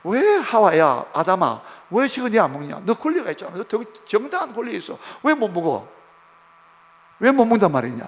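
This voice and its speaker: A man voicing a sly male devil who tempts and goads, loud and insistent, in a reverberant church hall. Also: high voice, big pitch swings, normal speed. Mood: goading. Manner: taunting, egging on, loud and insistent.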